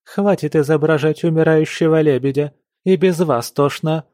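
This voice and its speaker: A man voicing a spoiled, haughty young noble daughter who speaks in a shrill, indignant, sharp-tongued way. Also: normal speed, no echo, studio quality, close to an everyday voice.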